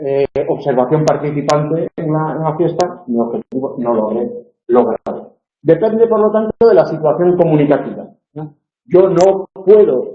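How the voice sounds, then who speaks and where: A man giving a recorded university lecture as a tutor, explaining points and checking for agreement. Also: fairly high pitch. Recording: echoey room, dull lo-fi sound.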